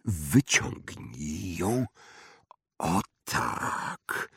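A man reading aloud voices an old male wandmaker who talks in a slow, hushed, drawn-out way and stares through people. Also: low-pitched, very animated, gravelly, breathy edge, no room sound, studio quality, exaggerated voice. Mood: fussy. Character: old male wandmaker, eerie, soft-spoken, piercing.

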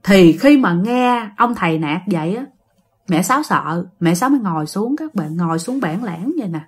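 A woman's voice: fairly low pitch, expressive, normal speed, slightly rough. A woman with a Southern Vietnamese accent telling a ghost story in a chatty way, addressing her listeners directly. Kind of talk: casual ghost-story narration.

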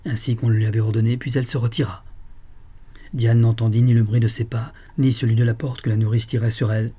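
A male audiobook narrator reading classic fiction with measured drama. His voice is mellow and dark-toned, with a husky edge. His pitch sits in an ordinary middle range. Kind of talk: scripted literary narration.

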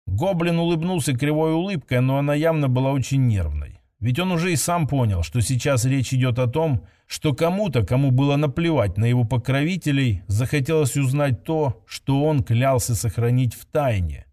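A man reading a science-fiction story aloud as narrator, steady and even. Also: medium pitch, normal speed, few pauses. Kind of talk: scripted audiobook narration.

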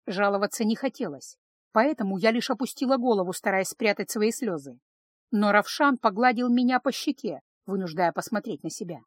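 A woman's voice: medium pitch, no room sound, studio quality. Woman narrating an audiobook in first person.

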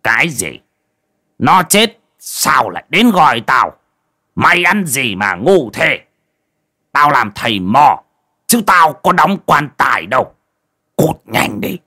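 A man's voice: mid-range voice, animated, takes it slowly, pauses often, bright, forceful tone, full character voice. A man voicing a surly old village shaman who drawls scornful insults, in a story reading. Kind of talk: storybook voice acting.

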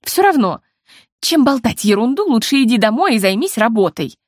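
A woman's voice: fairly high pitch, sing-song, moderate pace, dry recording, clean studio sound. Makiko, a woman voicing a scolding older sister. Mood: indignant. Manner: raised, pleading, reproachful tone. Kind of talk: audiobook dialogue reading.

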